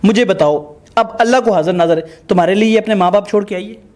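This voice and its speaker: A man with a noticeably high voice acts as host and mediator in a confrontational reality-style show. He talks to the couple in an emphatic, moralizing way, scolding and instructing them. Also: a little mellow.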